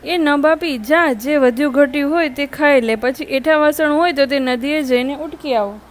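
A woman's voice: sits high, fairly quick, dark tone, close to an everyday voice. A woman voicing a harsh old mother-in-law in a folk tale, giving curt, commanding orders. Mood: scolding.

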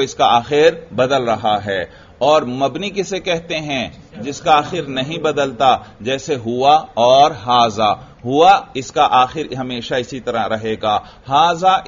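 A male religious teacher giving a classroom lecture on grammar, drilling students by asking questions and answering them himself. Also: medium pitch. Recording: muffled lo-fi recording with faint hiss.

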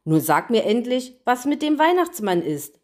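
A woman voicing a fussy fairy-tale queen in a storybook reading, brisk and commanding. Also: fairly high pitch, big pitch swings, a little mellow, pitched above the performer's own voice. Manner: brisk and imperious.

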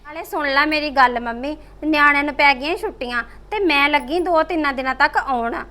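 Young woman, grumbling daughter-in-law, high bright voice. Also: fairly quick. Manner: complaining, grumbling. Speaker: married daughter-in-law character. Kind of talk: short film acting.

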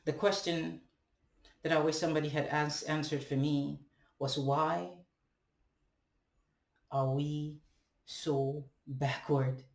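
In an echoey room at home with bare walls and a ceiling fan, a young Ghanaian man vlogs to a faraway webcam. His accent is Ghanaian, his pitch fairly high and level, with some vocal fry. He pauses deliberately as he reflects, frequently asking rhetorical questions and adding "right?".

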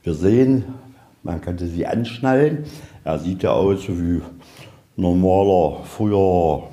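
Speaking slowly in a low, dark-toned voice, a museum guide takes visitors through the exhibits on location. His informal tour wanders through anecdotes in a folksy, rambling style, with "ja" tagged onto his sentences.

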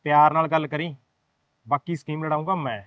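A man's voice: fairly high pitch, steady tone, a little fast, dry recording, dull audio, lightly acted. An actor playing a cocky, plotting husband who chuckles and coaches his wife on a scheme. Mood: smug. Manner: boastful, chuckling, coaxing. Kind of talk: amateur village short-film acting.

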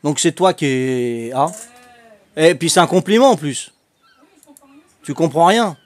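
A man's voice: a little high, lively intonation, a little slow. An older man chatting casually with viewers while streaming a game, joking, laughing often and tacking "hein" onto his sentences. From Corsica. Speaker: livestreaming gamer. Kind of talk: casual livestream chat with viewers.

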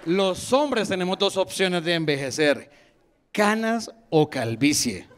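A man in his thirties with a Bogotá Colombian accent doing an animated stand-up routine in a comedy bar, jumping into high voices for characters. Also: takes it slowly, noisy background. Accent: Bogotá Colombian Spanish. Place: comedy bar stage with live audience. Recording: live crowd laughter behind.

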